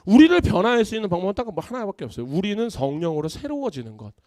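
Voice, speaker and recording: A man, a pastor, preaching a sermon in an animated, conversational way in a church. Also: high voice, rapid-fire, no echo, clean studio sound. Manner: animated, conversational preaching with acted-out family quotes. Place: church sanctuary.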